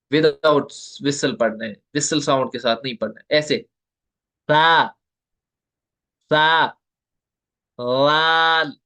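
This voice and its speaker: A man giving an online tajweed lesson, explaining step by step and slowly repeating the letter sounds for his students. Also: fairly high pitch, a bit bright. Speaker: Quran recitation teacher.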